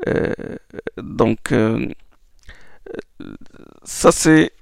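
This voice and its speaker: A man teaching pronunciation in a slow, patient spoken lesson, repeating each sound for listeners to copy. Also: medium pitch, lively intonation, gravelly, no echo, clean studio sound. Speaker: Quran recitation teacher.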